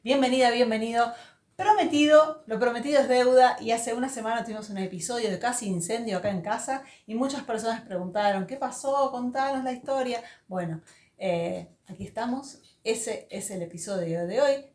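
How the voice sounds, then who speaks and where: A woman's voice: fairly high pitch, brisk, darkish tone. A woman hosting a podcast, chatting earnestly and telling a story from her home. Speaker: podcast host. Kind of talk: casual podcast chat. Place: room at home. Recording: echoey room at home.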